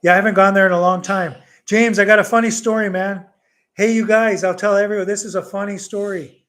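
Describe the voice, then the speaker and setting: A middle-aged man with a notably high voice hosts a relaxed livestream from home. He tells a story with lively energy and slips Bisaya words into his English. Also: fairly quick. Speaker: livestream host. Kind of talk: casual live Q&A chat and storytelling.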